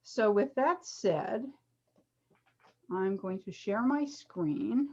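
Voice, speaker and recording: A middle-aged woman teacher explains a reading demonstration in a casual online lecture, friendly and full of fillers. Her mid-range voice has lively intonation and moves very slowly, and the video call audio is dull and lo-fi.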